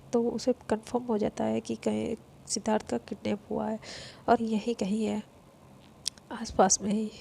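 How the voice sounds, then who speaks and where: A woman narrates a serialized romance story in a relaxed, chatty way, acting out the characters' bickering along the way. Her voice sits somewhat high, yet it has a gravelly, mellow texture. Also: slight background noise. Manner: acts out both girls' quarrel with raised, lively voice. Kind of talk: casual spoken storytelling.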